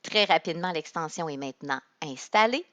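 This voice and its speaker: A woman with a Quebec French accent narrating a step-by-step software tutorial in an instructional way. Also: deep voice, animated, a little fast, no room sound. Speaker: tutorial presenter.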